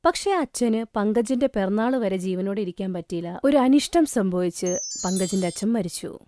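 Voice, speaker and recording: A woman narrating a cartoon bedtime story in a gentle, emotional, scripted way. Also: medium pitch, expressive, normal speed, dry recording, clean studio sound.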